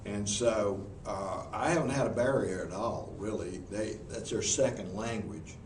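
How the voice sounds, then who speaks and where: A man with a Southern US accent speaks a little slowly in a lowish voice. He is a professional speaker answering interview questions in front of a group in a meeting room, folksy and earnest, often restarting his sentences. The noisy recording comes from a distant mic in an echoey room.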